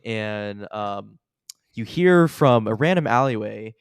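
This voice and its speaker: A man's voice: fairly low pitch, expressive, slow, clean tone, no echo. A young man narrating a tabletop game as game master, casual and laughing often. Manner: casual, laughing, full of fillers.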